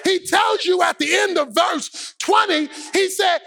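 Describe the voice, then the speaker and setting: A man preaching a sermon with an impassioned, sing-song shouted cadence. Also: extremely high pitch, a little slow, vocal fry.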